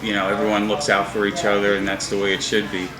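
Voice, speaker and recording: A man's voice: fairly low pitch, completely flat delivery, fast talker, roomy sound, rough recording. A man speaking plainly in a casual interview.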